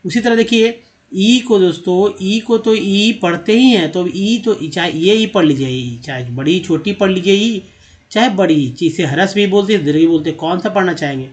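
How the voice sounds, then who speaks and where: A man teaching English reading in a lesson, repeating words slowly and asking the viewer questions as he drills pronunciation. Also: sits high.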